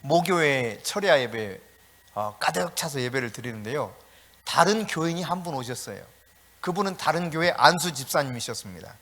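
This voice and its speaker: Animated high-voiced male pastor preaching. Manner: animated preaching with shouted calls; storytelling, conversational asides to congregation. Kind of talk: sermon.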